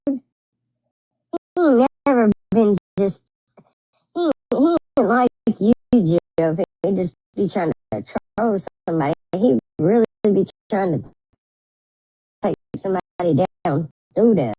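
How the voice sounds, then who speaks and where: Animated, slow-talking woman on a livestream. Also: medium pitch, no room sound, rough recording. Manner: animated, profane, slangy. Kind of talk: casual livestream chat.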